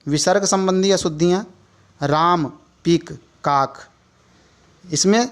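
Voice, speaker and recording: A man giving a teacher-training lecture, reading points one by one in a measured way with pauses. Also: a little high, darkish tone. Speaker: teacher educator. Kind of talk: slow lecture reading from notes.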